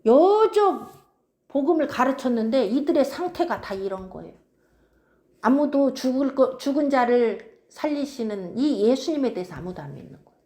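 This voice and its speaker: Animated woman preaching a sermon. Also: high voice, moderate pace. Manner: animated, keeps prompting listeners with "응?". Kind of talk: expository sermon.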